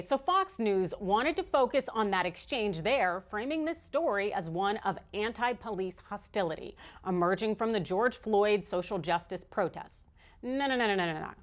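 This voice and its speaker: An American woman hosting a news show, delivering scripted opinion commentary in an emphatic, sardonic way. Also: mid-range voice. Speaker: online news show host.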